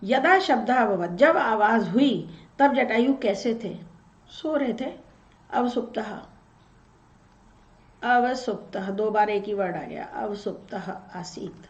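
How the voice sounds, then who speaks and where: A woman's voice: fairly high pitch, expressive, lo-fi sound. A woman teaching a Sanskrit class, explaining step by step, asking questions and answering them herself. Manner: explains slowly, asks and answers own questions; chants verses slowly. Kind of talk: online class lesson.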